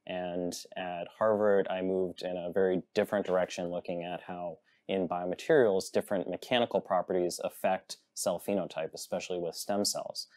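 On a TV studio set, a new faculty member, a man in his thirties from Massachusetts, talks earnestly in a panel discussion and says um a lot. His voice is deep and darkish, and there's no room sound.

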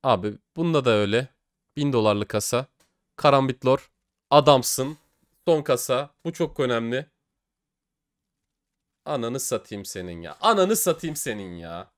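A young man giving excitable gaming commentary as he opens online cases, swinging between cheering and despair. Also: mid-range voice, unhurried, pauses often. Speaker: case-opening streamer.

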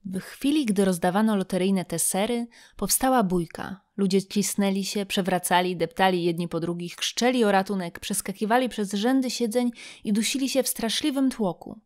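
A woman narrating a classic novel as an audiobook reader, in a steady, even storytelling manner. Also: medium pitch, normal speed, hardly any pauses.

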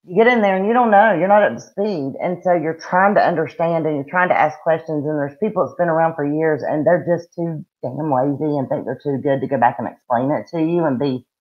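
Her voice low and her delivery brisk with few pauses, a middle-aged woman with a Southern US accent co-hosts a true-crime livestream from a room in her home. She chats bluntly and casually in folksy slang. The webcam video call audio is dull and lo-fi.

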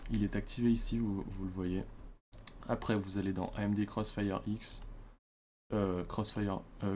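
A man's voice: lowish voice, a little mellow, slight background noise. A French man presenting a computer tutorial in a loose, chatty way, with many fillers and self-corrections. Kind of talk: casual screen-recorded tutorial.

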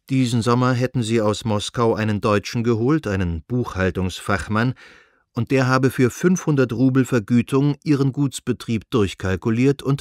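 A man narrating a classic novel as an audiobook in a measured, even reading style. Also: medium pitch, dry recording, studio quality. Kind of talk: scripted narration.

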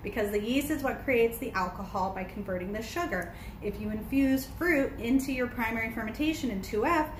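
A woman's voice: fairly high pitch, brisk, few pauses, a little hiss or hum. Woman, 40s, casual livestream educator with lots of fillers; phone at arm's length in an echoey room. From United States. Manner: chatty and explanatory, many um fillers. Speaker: kombucha brewing educator. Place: indoors on a couch by large windows. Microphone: phone camera at arm's length.

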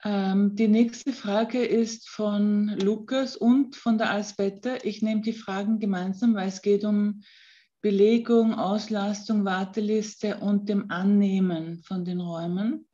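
A woman moderating an online lecture, passing on questions in a brisk, organized way. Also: medium pitch, fairly even intonation, dark tone. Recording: muffled video call audio.

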